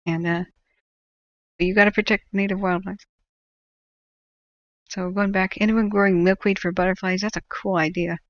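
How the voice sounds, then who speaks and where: A woman hosts a livestream, chatting casually and explaining things to viewers in an opinionated, emphatic way. Her medium-pitched voice keeps a level tone at normal speed with long pauses. The sound is lo-fi with no echo.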